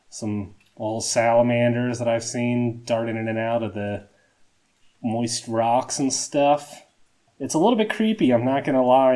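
A man's voice: medium pitch, a little mellow. A man hosting a nature podcast, chatting casually with many fillers from the small entrance of a cave, his voice carrying a cave echo. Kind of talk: casual solo field talk.

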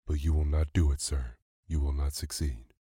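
Voiced by a man, a polished gentleman villain speaks with cool, measured composure. The voice is very low and husky. It is recorded dry and close. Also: steady tone, no room sound. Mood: threatening. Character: smooth, scheming gentleman villain.

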